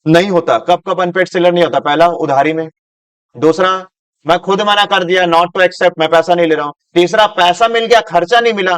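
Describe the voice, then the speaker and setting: A man's voice: fairly high pitch, clear, resonant tone. A male commerce teacher giving a classroom lecture, explaining with everyday examples, asking his students questions and mixing Hindi with read-out English.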